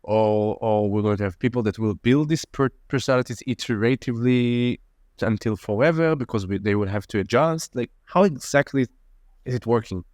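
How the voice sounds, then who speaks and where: A male podcast host asking long, halting questions and searching for words as he goes. The sound is dry and close, with no room around it. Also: medium pitch, darkish tone, dry recording. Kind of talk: casual podcast conversation.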